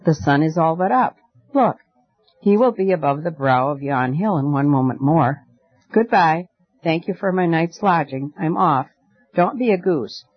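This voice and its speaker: A man reading a storybook aloud and voicing an arrogant young male hunter who talks in a brisk, offhand way. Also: fairly high pitch, animated, breathy edge, dry recording. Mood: careless arrogant. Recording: dry, dull lo-fi recording.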